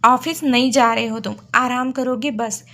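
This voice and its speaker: A woman's voice: a little high, steady tone, normal speed, sharp tone. A woman voicing a caring young wife who scolds her husband with affection. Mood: bossy.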